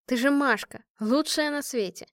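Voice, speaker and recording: A woman voicing a caring but blunt young woman squad leader in an audiobook, talking gently and teasingly. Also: high voice, moderate pace, no room sound, clean studio sound, pitched above the performer's own voice. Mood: calm comforting.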